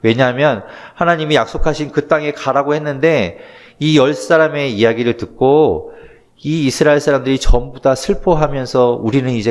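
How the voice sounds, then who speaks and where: A male pastor teaching a Bible study, retelling scripture and acting out the quotes. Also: medium pitch. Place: church. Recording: audio-only church recording.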